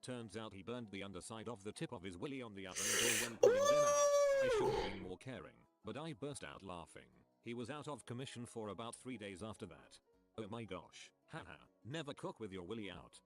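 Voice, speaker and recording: A man reading posts aloud for a reaction video in a flat, matter-of-fact way. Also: lowish voice, brisk, soft background music. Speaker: reader of online posts.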